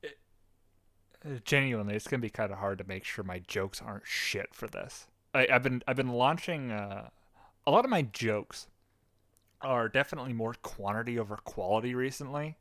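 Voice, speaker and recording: A young man co-hosting a casual podcast, rambling with frequent laughs and trailing off quietly, close on the mic. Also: medium pitch, normal speed, dry recording. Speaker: podcast co-host. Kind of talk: casual chat.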